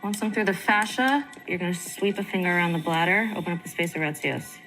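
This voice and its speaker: An actress playing a confident, wry female trauma surgeon giving brisk instructions in a TV drama. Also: on the low side, fairly bright tone, soft background music, natural voice, poor audio. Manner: brisk, dry humor. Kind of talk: TV drama acting.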